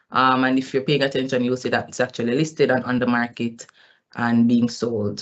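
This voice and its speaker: A company executive answers questions on an earnings call, explaining things in formal business language. His pitch is middling, and the call audio is slightly dull and lo-fi.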